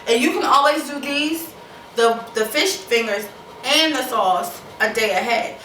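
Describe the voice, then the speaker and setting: A woman's voice: a little high, animated, measured pace, pushed and bright, slight background noise. Chatty woman hosting a home cooking show. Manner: casual, chatty, repeats herself, talks with mouth full while tasting. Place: home kitchen. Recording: echoey kitchen, mic at a distance, clatter of dishes.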